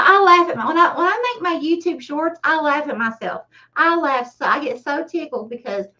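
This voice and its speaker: High-voiced chatty woman reading tarot. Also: sharp tone. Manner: chatty, laughs often at herself. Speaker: tarot reader. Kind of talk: casual livestream reading. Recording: distant, slightly dull mic.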